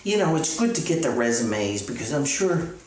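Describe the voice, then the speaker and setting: Speaking at normal speed with big pitch swings, a medium-pitched man rambles through a casual comic monologue on the comedy podcast he hosts as an author. He comes across folksy, hesitant and mock self-important. The mic is distant in an echoey room, and music can be heard.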